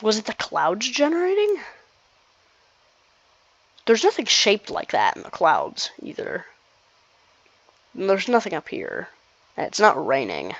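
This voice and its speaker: Lively rambling gameplay commentator, lo-fi. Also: mid-range voice, measured pace, pauses often, no room sound. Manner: rambling, restarts sentences, nervous laughs. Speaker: gamer recording gameplay commentary.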